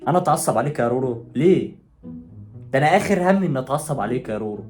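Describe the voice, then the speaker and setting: A man's voice: mid-range voice, fast talker, faint music behind. A young man with an Egyptian Arabic accent hosting a casual prank vlog at home, teasing his sister with mock anger. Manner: teasing, animated, swings from mock anger to laughter.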